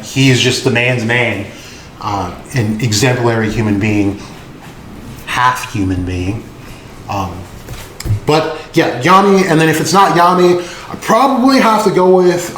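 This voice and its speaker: A man's voice: mid-range voice, lively intonation, takes it slowly, fairly bright tone. A man hosting a casual anime commentary video, laid-back and rambling with lots of filler words and swearing. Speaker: host. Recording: echoey room with faint noise.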